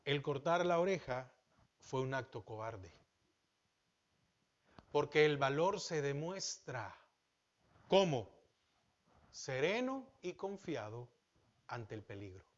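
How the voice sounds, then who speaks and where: A man with a Salvadoran accent preaching a sermon as pastor, asking the congregation questions and swinging between emphatic peaks and low asides. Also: big pitch swings, slow, pauses often, lo-fi sound. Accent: Salvadoran Spanish.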